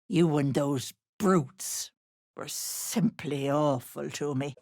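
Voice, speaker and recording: An actress voices a video game character, a wicked old hag posing as a sweet auntie, shifting between sugary charm and sly menace. Her voice is low and darkish in tone, and she speaks slowly; the character is older.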